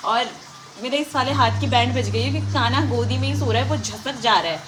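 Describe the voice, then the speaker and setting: A woman's voice: on the high side, fairly quick. A young woman vlogging live at home beside a window facing a road, irritated and ranting, half laughing. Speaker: family vlogger. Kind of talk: live vlog filmed at home. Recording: noisy home recording with road noise.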